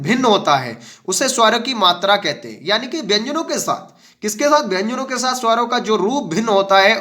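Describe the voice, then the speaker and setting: A man's voice: high voice, pushed and bright. A male teacher giving an exam-prep lesson, asking the class questions and answering them himself. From India.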